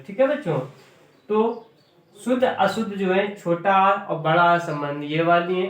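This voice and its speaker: Hindi teacher with a high voice in a roomy echo. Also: male voice. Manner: repeats words slowly, often asks and answers himself. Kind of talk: classroom spelling lesson. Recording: roomy echo, distant mic.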